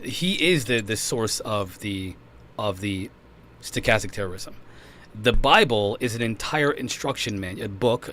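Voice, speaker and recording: A man's voice: lowish voice, fairly bright tone, slight background noise. A man on a podcast panel arguing emphatically in a casual debate and cutting in often.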